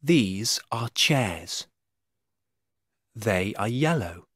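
Husky man, very slow coursebook reader. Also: lowish voice, lively intonation, a bit bright, no echo, studio quality. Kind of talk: scripted reading of simple sentences for children.

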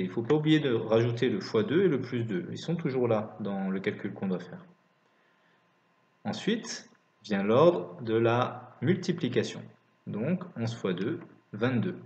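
Male maths teacher for lesson voice-over, lower-middle everyday pitch, dictates piece by piece, roomy and slightly dull recording. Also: darkish tone. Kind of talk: scripted lesson narration.

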